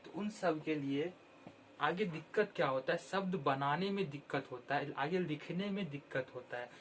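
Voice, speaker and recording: A man teaching children how to spell words, repeating each word slowly and clearly. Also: on the high side, slight background noise. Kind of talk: slow, patient Hindi spelling lesson.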